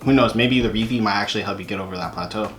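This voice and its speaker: A man's voice: on the low side, very fast, over loud music. A young man, narrating his fitness vlog in a laid-back, slangy way. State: out of breath while hiking. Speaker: fitness vlogger. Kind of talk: casual vlog voice-over.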